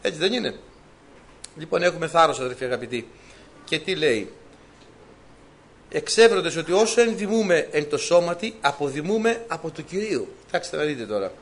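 Greek guy preaching, kinda high voice, really lively up and down, storytelling to the congregation. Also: pauses often. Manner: lively, animated storytelling, laughs at own stories. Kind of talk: sermon with personal testimony.

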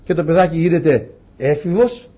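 A man's voice: on the high side, muffled recording. A man preaching a sermon, emphatic and rhetorical, acting out Bible stories for his congregation.

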